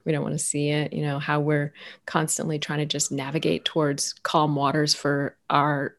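A low-pitched woman guest reflects aloud in an interview. She muses gently, circling back with soft fillers as she reaches for the right phrase. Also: completely flat delivery, normal speed. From United States. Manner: thoughtful, searching for words with many fillers. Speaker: author and guest.

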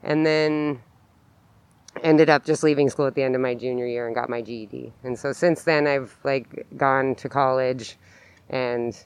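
A man's voice: medium pitch, steady tone, normal speed, clear, resonant tone, no echo. An American man giving a casual interview as a guest, speaking informally and loosely through a face mask that slightly muffles him. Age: adult parent. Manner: informal, loosely phrased with frequent "like". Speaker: interview guest, education activist. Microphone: podcast microphone, spoken into through a mask.

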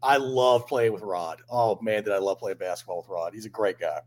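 A man's voice: lowish voice, fairly quick. Guy hosting a chat, friendly, gets enthusiastic. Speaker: host asking questions. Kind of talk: casual chat.

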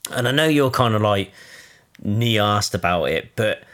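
Man, thirties, mid pitch, playful rambling co-host banter. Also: lively intonation, a bit bright. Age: 30s. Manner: jokey, rambling, quick bursts. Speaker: podcast co-host. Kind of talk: casual podcast chat.

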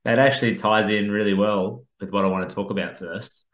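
A man's voice: fairly low pitch, fairly even intonation, fairly quick, a bit bright. An Australian man hosting a podcast in casual chat, with a laid-back, understated way of talking. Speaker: podcast host. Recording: roomy, echoey sound.

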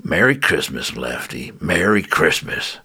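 Man playing a calm toy sergeant, low and steady, bit husky. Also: measured pace, heavily acted. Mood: firm. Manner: firm, reassuring. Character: steady male toy army sergeant, fatherly.

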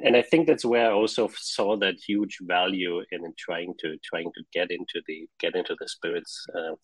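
A middle-aged man with a very low voice, speaking English as a second language in casual interview talk. His delivery is fairly flat and rambling, with phrases repeated as he goes. The sound is close and dry. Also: slightly rough, no room sound, low-quality recording. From born in Czech Republic, grew up in Germany. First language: not English. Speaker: guest, spirits brand founder.

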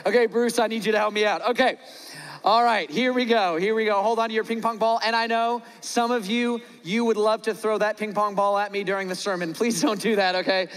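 A man's voice: high-pitched, steady tone, a little fast, fairly bright tone, in a large hall. A man preaching a sermon to his church, playful and joking with the congregation, acting out little scenes. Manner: acts out little scenes in voices. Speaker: pastor. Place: large church hall.

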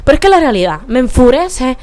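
A woman's voice: high voice, sing-song, a little fast, a little mellow. Fired-up Puerto Rican woman ranting. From Puerto Rico. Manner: profane, fired-up, mixes in English words. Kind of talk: casual ranting monologue.

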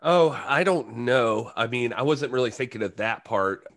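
A man co-hosting a podcast, giving animated, casual commentary. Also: mid-range voice, moderate pace, creaky, dry recording. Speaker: podcast co-host.

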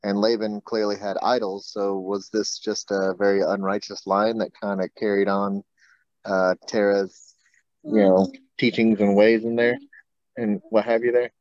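Man, low voice, curious questions, casual Bible study, dry dull-ish sound. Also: level tone, measured pace, a little mellow, no echo. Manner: questioning, explains geography, tag questions. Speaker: study group member.

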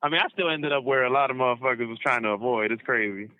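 Dude talking fast on a tinny prison phone line, slangy, repeats himself a lot, dry sound. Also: male voice, medium pitch. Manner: loose, slangy, repeats phrases. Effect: inmate calling in over a prison phone line. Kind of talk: casual chat.

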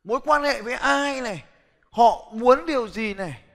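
Middle aged guy giving a business seminar, pretty high voice, talks blunt and lively, lots of hall echo. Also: normal speed. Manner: lively, blunt, challenges the audience directly. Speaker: seminar speaker. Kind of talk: motivational business seminar talk. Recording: long hall reverb.

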